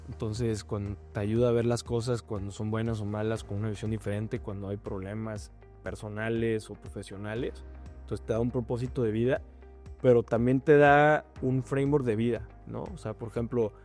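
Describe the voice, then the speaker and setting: A young man with a Mexican accent, a startup founder talking through a relaxed, reflective interview with many fillers. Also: mid-range voice. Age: young adult. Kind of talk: casual interview conversation.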